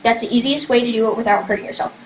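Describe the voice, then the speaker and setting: A young woman explains vocal technique in a casual home tutorial, rapid-fire and with fairly even intonation in a slightly high voice. She's a vlogger teaching scream technique who rambles and fills every phrase with "like." The webcam audio is dull and lo-fi, with a faint hum.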